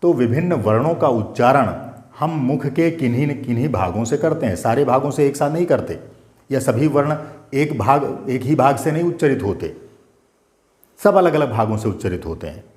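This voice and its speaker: A man's voice: medium pitch, lively intonation, normal speed, darkish tone, echoey room. An older man teaching Sanskrit grammar, patiently repeating terms and asking his students questions. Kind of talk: explanatory grammar lesson.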